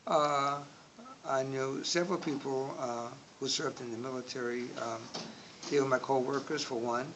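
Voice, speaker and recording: A man in his sixties from Indonesia, speaking slowly in an oral history interview, with frequent pauses and filler words. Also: medium pitch, fairly even intonation, a bit bright, low-quality recording. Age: 60s. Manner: slow, hesitant, many filler words. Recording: audible background noise.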